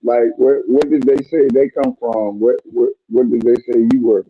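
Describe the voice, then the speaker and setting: A man's voice: mid-range voice, fairly even intonation, normal speed, husky. A man joining a casual group chat over a muffled mic that makes him sound underwater, stammering as he repeats the same question. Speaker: call-in participant.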